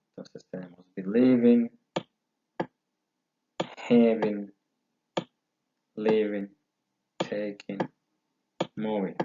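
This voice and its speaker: A man giving a recorded English grammar lesson, explaining rules slowly and step by step. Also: fairly low pitch, mellow. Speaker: English teacher. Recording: dull lo-fi audio.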